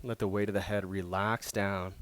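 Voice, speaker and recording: Calm man guiding a yoga class. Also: low-pitched, moderate pace, no echo. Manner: calm, encouraging cueing with gentle praise. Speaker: yoga instructor. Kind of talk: guided yoga class instruction.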